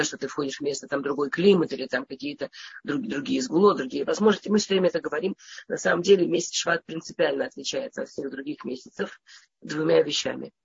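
This teacher, a woman with a cold, gives an informal religious lesson in a low, gravelly, husky voice. She sounds hesitant, stammering and restarting often, and the recording is muffled.

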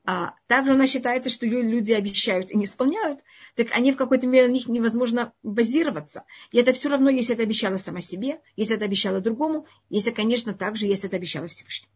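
Husky higher-voiced woman with a foreign accent. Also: very fast. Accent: foreign, non-native Russian. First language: not Russian. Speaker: religious teacher answering audience questions. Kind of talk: live online Torah lesson. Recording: dull, lo-fi online stream audio.

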